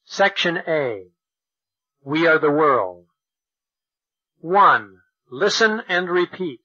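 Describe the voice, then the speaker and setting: A slow, bright-voiced man reading a textbook. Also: a little high, expressive, breathy edge, lo-fi sound. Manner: slow, deliberate, over-articulated delivery for learners. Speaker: textbook audio narrator.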